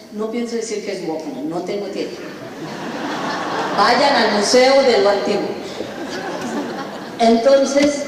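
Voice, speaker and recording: A woman tells a personal story on stage, animated and poking fun at herself. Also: mid-range voice, a little hiss or hum. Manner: animated, self-mocking storytelling. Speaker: speaker at a business event. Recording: echoey hall, distant mic.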